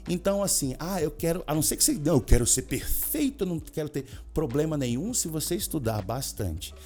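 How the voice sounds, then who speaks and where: A man teaching an energetic video lesson, chatting with viewers and drilling pronunciation aloud. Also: mid-range voice. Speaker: English teacher.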